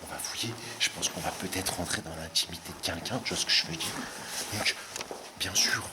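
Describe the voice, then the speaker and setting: Deadpan deep-voiced man in a garage. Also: a little fast. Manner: deadpan, keeps repeating a stock phrase. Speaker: co-host of a parody urban-exploring show. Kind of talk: mock-serious exploration commentary. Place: abandoned underground garage. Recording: loud background noise.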